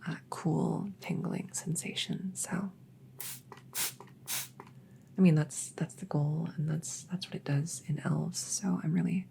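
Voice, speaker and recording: A woman playing a shy, smitten elf neighbor in a whispered role-play, soft and breathy, stammering hesitantly as she gently cares for the listener. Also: sits low, fairly even intonation, slow, long pauses, heavily acted. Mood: gentle, caring. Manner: hesitant, stammering, awkward rambling.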